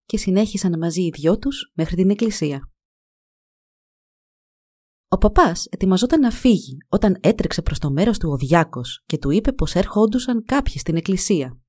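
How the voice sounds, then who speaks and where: A woman narrating a folk tale in a calm, measured storytelling voice. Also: lowish voice.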